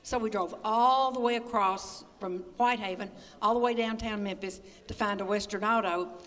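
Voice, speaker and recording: An older woman with a medium-pitched, fairly bright voice speaks at a normal speed in a steady tone, telling laughing, folksy anecdotes as an interview guest. She's recorded from a distance in an echoey community building hall.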